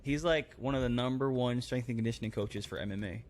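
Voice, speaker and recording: A man's voice: medium pitch, fast, slight background noise. A man in his thirties, a guest on a podcast, chatting casually in short, matter-of-fact phrases. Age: 30s. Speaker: podcast guest, professional fighter. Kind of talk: casual chat.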